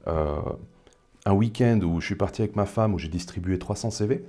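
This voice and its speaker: Low and mellow, the voice of this man in his thirties runs a little fast. As a casual interview guest from the Paris suburbs, he reflects as he speaks, often hesitating and using fillers.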